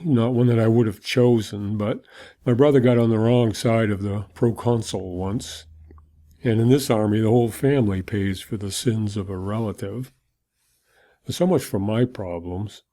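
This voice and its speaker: A man's voice: fairly low pitch, dark tone, close to an everyday voice. A man playing a weary Roman soldier in a dramatic monologue, telling his story in a reflective, conversational way. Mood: matter-of-fact, weary. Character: weary Roman soldier recounting an execution, awed.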